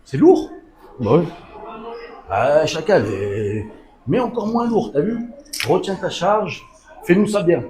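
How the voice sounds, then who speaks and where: A man's voice: fairly high pitch, very animated, takes it slowly, long pauses, a little mellow. A man in a played clip, teasing someone at the gym in casual slang. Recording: noisy crowd behind.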